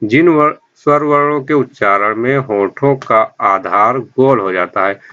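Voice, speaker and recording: A man gives an exam-prep grammar lesson in a bright, forceful voice. He poses questions and answers them himself, and he says each term slowly and more than once. The recording sounds dull and lo-fi. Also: mid-range voice. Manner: repeats key terms slowly. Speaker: teacher.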